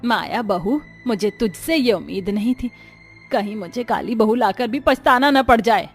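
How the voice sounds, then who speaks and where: A woman's voice: on the high side, expressive, normal speed, faint music behind. A woman voicing a stern older mother-in-law who scolds and curses her daughter-in-law. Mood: scolding. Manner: scolding, cursing outbursts. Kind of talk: dubbed cartoon story voice.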